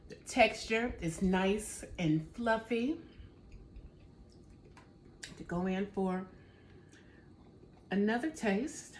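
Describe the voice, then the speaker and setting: Unhurried woman chatting about her baking. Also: medium pitch, slight background noise. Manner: easygoing, chatty, talks to viewers directly. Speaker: home baking channel host. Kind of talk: casual cooking vlog chat.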